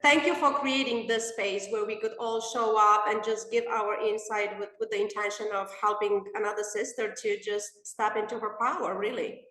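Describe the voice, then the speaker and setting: A middle-aged woman from Romania, a guest answering interview questions in an earnest, thoughtful way, pausing and restarting as she goes. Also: medium pitch, fairly even intonation, bright, forceful tone. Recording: roomy echo.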